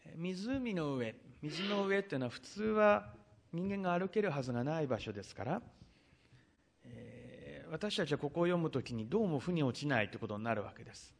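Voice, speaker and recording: Man, pastor, sermon, reads scripture aloud, unhurried explaining, drawn-out hesitations, voice on the high side. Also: gravelly. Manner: unhurried, explanatory, reads verses aloud then retells them; frequent drawn-out hesitation fillers.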